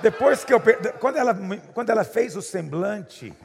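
A man's voice: high-pitched, expressive, moderate pace, vocal fry. A man preaching as a pastor, telling funny stories in a chatty way and chuckling often. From Goiás, Brazil. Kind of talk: humorous preaching with anecdotes. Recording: long hall reverb.

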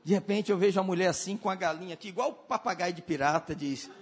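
Pastor de voz aguda e rouca, em salão com eco. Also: male voice, high-pitched, fast, husky. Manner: animated storyteller, acts out voices, shouts at climaxes. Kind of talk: sermon with storytelling. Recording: hall reverb.

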